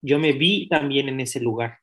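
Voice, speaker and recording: A man's voice: medium pitch, normal speed. A young man, a podcast guest telling his own story in a direct, candid way with many restarts. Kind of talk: personal storytelling in an interview.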